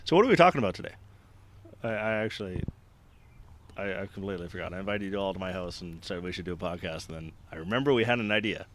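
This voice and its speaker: Guy rambling really quick on a backyard podcast, lowish voice, faint outdoor noise. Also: animated, fairly bright tone. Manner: rambling, self-interrupting. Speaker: podcast co-host. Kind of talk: casual chat and anecdotes.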